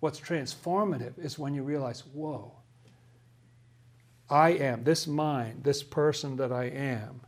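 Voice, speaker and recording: A man's voice: medium pitch, unhurried, few pauses. A man giving a conversational sermon, asking rhetorical questions and rising to emphatic peaks. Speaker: preacher.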